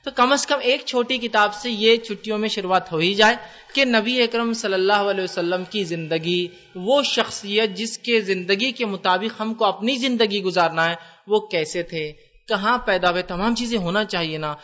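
A man's voice: high voice, bright, forceful tone, dull audio. A man giving a conversational religious lecture to students, asking them questions and mixing English words into his Urdu. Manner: conversational, asks the audience questions. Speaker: Islamic lecturer.

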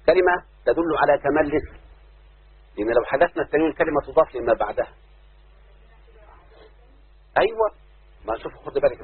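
A man's voice: a little high, breathy edge. A man with an Egyptian Arabic accent teaching a grammar lesson, who keeps checking with his listeners through repeated questions. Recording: muffled phone-like audio.

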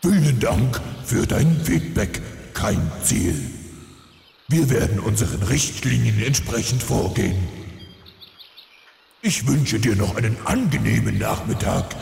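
Very gravelly Arthas, undead king. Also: lowish voice, slow, pauses often, heavily acted. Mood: polite, deadpan. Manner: stiffly polite, deadpan. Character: undead dark king, oddly polite and flat. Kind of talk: parody audio drama acting. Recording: echoey hall reverb, faint noise.

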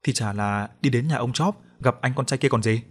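A man's voice: medium pitch, brisk, lightly acted. A brash young village lad talks with a cheeky, confident edge. His voice sits in an everyday middle range, since the male narrator voices him with little change. He comes from a spoken audio story. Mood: casual.

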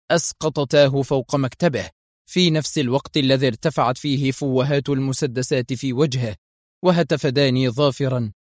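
A man narrating a thriller audiobook in a dramatic, measured storytelling style. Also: mid-range voice, dry recording, clean studio sound.

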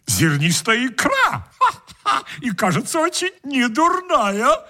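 A man's voice: very high voice, wildly swooping pitch, slow, bright, forceful tone, pitched above the performer's own voice, exaggerated voice. A man doing a greedy, cackling dinner guest. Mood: gleeful. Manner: boisterous, laughing, gloating. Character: greedy jolly male dinner guest, pushy. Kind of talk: humorous story reading.

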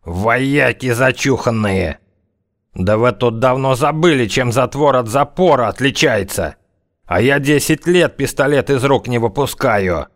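A man voicing a tough, slang-talking gunman who threatens and mocks in a slow drawl. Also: mid-range voice, voice pushed up, natural voice. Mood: menacing mockery. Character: tough slangy male gunman, menacing, scornful.

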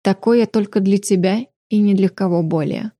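A woman's voice: mid-range voice, moderate pace, warm tone, no echo, clean studio sound, close to an everyday voice. A woman voicing a cocky, teasing young man in an audiobook, speaking in a playful, self-assured way.

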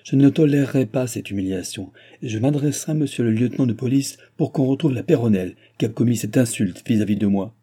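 A man voicing an anxious, quick-tempered old countess in an audiobook reading, with a plaintive, exclamatory delivery. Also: medium pitch, mellow, slightly rough, lightly acted. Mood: indignant.

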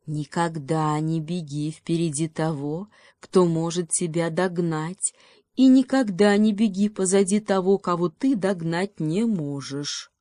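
A wise mother snake from a storybook hisses her advice slowly and grandly, as a woman plays her. Her voice is low, dark and measured. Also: dry recording, clean studio sound, lightly acted. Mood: stately. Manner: majestic, slow hissing delivery.

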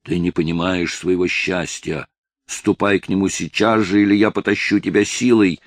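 A man's voice: low voice, steady tone, moderate pace, no echo, natural voice. A man voicing a harsh old hunchbacked woman who bullies a young girl, in a scolding, commanding manner.

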